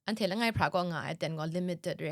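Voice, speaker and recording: A woman's voice: lowish voice, normal speed, no room sound, studio quality. A woman hosting a solo podcast in a casual, chatty way, often laughing and dropping English words into her talk. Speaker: podcast host.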